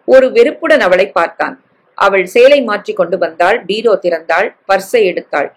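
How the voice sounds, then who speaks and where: A woman's voice: medium pitch, moderate pace. A woman reading a family novel aloud, giving each character a slightly different tone. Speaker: story reader.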